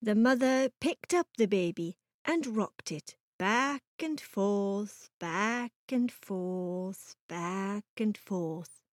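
A woman narrating children's stories for an audiobook in an expressive, voice-shifting way, recorded close on a studio mic. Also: mid-range voice, very slow, slight background noise.

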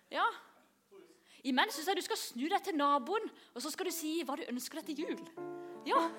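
High-voiced woman leading children. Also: expressive, long pauses, over music. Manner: playful, encouraging, drawing in the children. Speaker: children's church leader.

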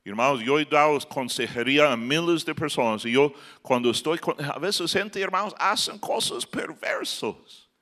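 A man's voice: fairly high pitch, animated, moderate pace, pushed and bright. A man preaching a sermon as pastor, building to emphatic outbursts. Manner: preaching with rising emphatic outbursts and acted quotes.

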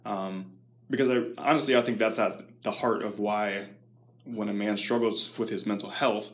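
Male host, slightly low pitch, halting and thoughtful, lots of ums. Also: fairly even intonation. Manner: hesitant, many filler pauses. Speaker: interview host. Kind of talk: conversational interview questions.

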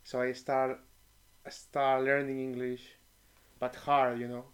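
Animated male guest telling stories. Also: mid-range voice, measured pace. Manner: animated storyteller with many restarts. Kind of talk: casual interview chat.

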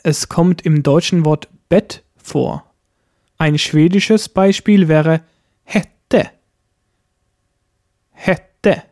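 Slow, mellow-voiced man teaching pronunciation. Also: on the high side, steady tone, no echo, studio quality. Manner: slow, careful, model words spoken for repeating. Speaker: language teacher. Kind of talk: scripted language lesson.

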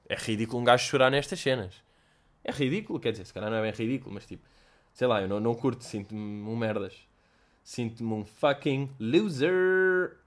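A young man with a European Portuguese accent talks through listener questions in a loose, animated way. He swears freely and drops English slang into his chat. His voice sits at an ordinary middle pitch for a man. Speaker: host answering listener questions. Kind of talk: casual chat.

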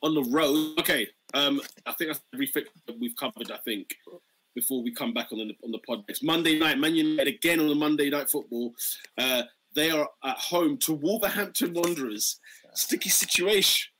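A man in his thirties hosts a football podcast in a London roadman accent. His voice is bright and punchy, set a little high. He talks in casual street slang and often repeats his phrases. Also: fairly quick, a little hiss or hum, poor audio. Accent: London, urban roadman slang style. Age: 30s. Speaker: podcast host and DJ.

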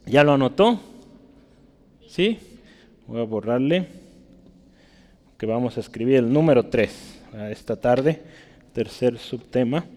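A man's voice: medium pitch, lively intonation, unhurried, long pauses, dark tone. A man preaching a sermon and reading scripture aloud, emphatic, often checking in with his listeners. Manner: emphatic, often asks "¿verdad?". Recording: long hall reverb.

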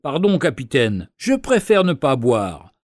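A man voicing a timid but stubborn twelve-year-old cabin boy in a storybook tale, speaking softly and pleading. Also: mid-range voice, wildly swooping pitch, unhurried, no room sound. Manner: soft, pleading.

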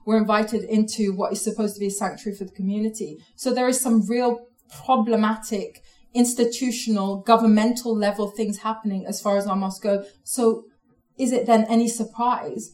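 A woman's voice: mid-range voice, a little mellow, echoey room, poor audio. A woman speaking on a panel, urgent and passionate, with frequent fillers. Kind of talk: impassioned panel talk.

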